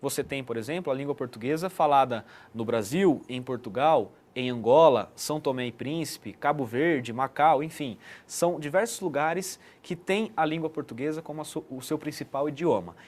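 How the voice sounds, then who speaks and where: A man's voice: mid-range voice, normal speed, hardly any pauses, darkish tone. A man giving an explanatory online lesson as a teacher, checking in with the listener often. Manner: didactic, frequent "né" tag questions.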